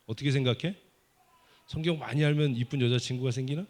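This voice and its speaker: A man preaching a children's sermon at a summer Bible school service in a church, playfully teasing and quizzing the kids with quick questions. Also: mid-range voice, a little mellow. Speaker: pastor. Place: church sanctuary.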